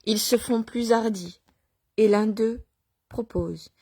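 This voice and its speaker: A woman reading a religious nativity story aloud at a measured pace, with pauses and small restarts. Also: fairly high pitch, mellow, no echo. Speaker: reader.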